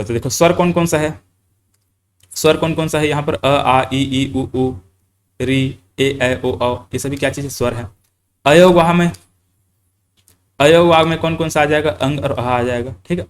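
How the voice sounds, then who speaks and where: Pitched fairly high and speaking a little fast, this young man leaves long pauses while teaching grammar for an exam, over a faint hiss or hum. He poses questions to his listeners and then answers them, going back over key points and leaning on "thik hai" as filler.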